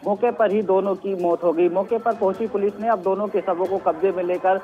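A man's voice: high voice, steady tone, fairly quick, faint music behind. A male field reporter giving an earnest live news report from outdoors at a scene, repeating the key questions. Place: outdoors at a mall. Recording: tinny phone-line audio.

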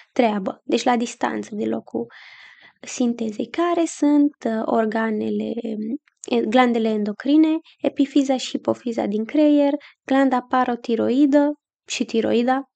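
Young female tutor, chatty review style, gravelly fry in a high, warm voice. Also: muffled recording. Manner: chatty, checks in with frequent "ok?". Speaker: teacher reviewing for an exam. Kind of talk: casual exam review lesson.

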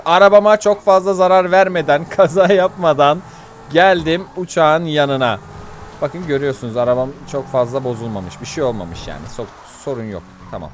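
A man giving chatty let's-play commentary, swearing jokingly and getting loud and panicky when things go wrong. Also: medium pitch, a little hiss or hum. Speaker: gaming YouTuber.

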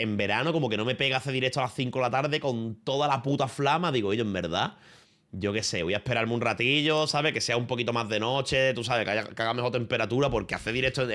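His voice is mid-range and a bit bright. This Spanish-accented streamer from Spain chats casually in his room, rambling, cursing freely, and using street slang while he addresses his viewers and a friend.

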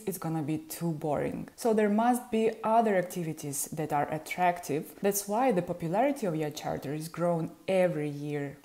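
Lowish and mellow, this woman's voice belongs to a yacht charter specialist from Ukraine in her thirties, speaking with a Ukrainian accent. She gives a friendly, explanatory vlog-style talk to the camera from a small room at home. She uses an earphone mic, framed like a webcam shot.

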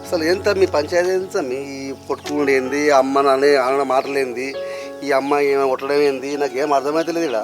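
A man's voice: medium pitch, quick pace, lightly acted. A man playing a stern village elder. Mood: scolding. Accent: Telangana Telugu. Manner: scolding, interrogating. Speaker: village elder mediating a dispute. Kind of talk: village short film acting. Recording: mic far off, music behind.

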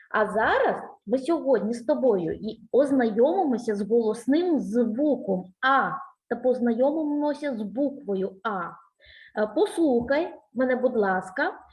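A woman giving a one-on-one speech lesson to a child, patient and encouraging, asking many questions and singing out vowel sounds to demonstrate them. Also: fairly high pitch. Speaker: speech teacher.

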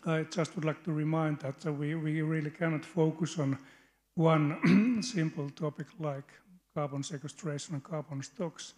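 Finnish-accented male researcher, fairly high voice, unscripted halting comment from the audience. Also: steady tone, darkish tone. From Finland. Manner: halting, with hesitations. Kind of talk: spontaneous comment from the floor. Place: conference hall.

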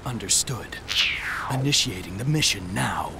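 Low, brooding Shadow the Hedgehog. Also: male voice, a little slow, gravelly, loud music behind the voice. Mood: stern, resolute. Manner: terse, deadpan, stern. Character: brooding, stoic male hedgehog agent, terse and cold. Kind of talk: video game cutscene acting.

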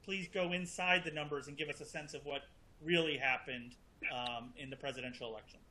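Man moderating a video-call panel; bright voice, dry joking delivery. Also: on the high side, fairly quick, slight background noise, low-quality recording. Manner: teasing, wry deadpan humor.

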